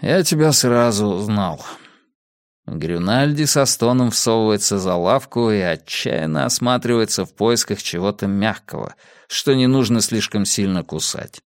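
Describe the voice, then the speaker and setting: A man reading an adventure novel aloud as a steady audiobook narrator. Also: on the low side, dry recording, clean studio sound. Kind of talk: scripted narration.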